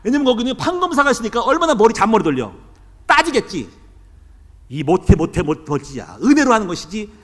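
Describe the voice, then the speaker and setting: A man's voice: high voice, sing-song, brisk, a bit bright, long reverb tail. A middle-aged man from South Korea, a pastor giving a sermon in a church, with a conversational preaching manner full of quoted asides. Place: church sanctuary.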